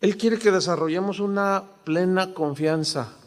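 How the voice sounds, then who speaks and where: A pastor in his sixties preaches an animated sermon. His voice sits high for a man, and a long hall reverb trails his words. He slips into the voices of the people he quotes. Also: a little slow.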